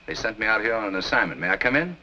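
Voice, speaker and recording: A man playing a polite, hurried newspaper reporter in 1940s film acting style. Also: on the low side, expressive, sharp tone. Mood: polite, brisk. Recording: muffled, noisy old film soundtrack.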